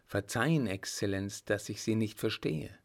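A man voicing a timid, polite young woman who speaks softly and pleadingly, raised above his own low voice. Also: moderate pace, creaky. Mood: anxious, polite. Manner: soft, pleading, formal.

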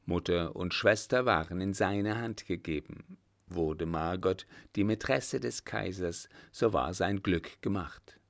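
A man narrating an audiobook with a measured storytelling delivery. His low voice moves at an unhurried pace with a gravelly texture. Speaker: audiobook reader. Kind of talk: scripted narration.

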